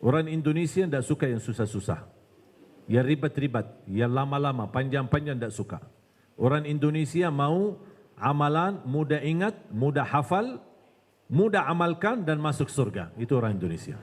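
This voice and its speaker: A man's voice: on the high side, moderate pace. A man from Medina giving a religious lecture, telling stories and acting out their dialogue. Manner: animated storytelling, acts out dialogue. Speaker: preacher. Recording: long hall reverb.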